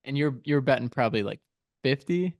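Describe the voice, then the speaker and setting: A podcast co-host telling a story in casual chat, animated and full of "like" and "dude.". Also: male voice, mid-range voice, fairly quick, no echo, studio quality.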